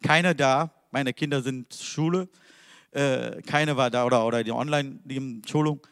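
A man's voice: medium pitch, moderate pace, fairly bright tone, clear, resonant tone, clean studio sound. Man preaching in a reverberant hall. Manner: emphatic, questioning the listeners directly. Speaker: pastor. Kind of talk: sermon.

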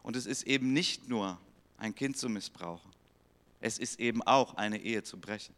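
A man preaching a sermon, swinging between loud, pleading appeals and quiet, grave passages, sometimes acting out quoted voices. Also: fairly low pitch, normal speed.

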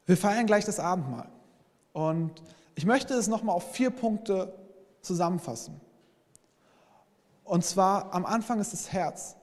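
A man with a fairly high voice preaching in earnest, turning again and again to address his congregation directly. His voice rings out with a long reverb, as if it fills a big church hall. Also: measured pace, pauses often, darkish tone. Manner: earnest, speaks straight to listeners with frequent "hey". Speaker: pastor. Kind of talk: sermon.

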